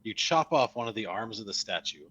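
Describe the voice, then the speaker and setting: Husky man running a tabletop game. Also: fairly low pitch, animated, a little fast, a bit bright. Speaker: game master. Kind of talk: casual narration of a tabletop game.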